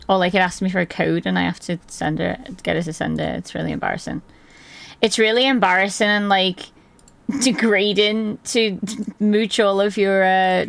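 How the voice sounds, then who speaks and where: A woman streamer with a hoarse, gravelly voice chats casually with her live viewers from her desk, rambling and laughing often. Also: fairly low pitch, dry recording. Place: at a desk indoors.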